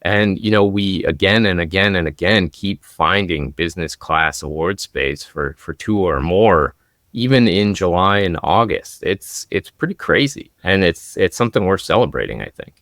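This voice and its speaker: A man's voice: deep voice, animated, normal speed, fairly bright tone, no echo, studio quality. A man speaking as an expert guest on a podcast, explaining things upbeat and enthusiastically. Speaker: travel deals expert guest. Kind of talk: podcast conversation. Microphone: podcast microphone.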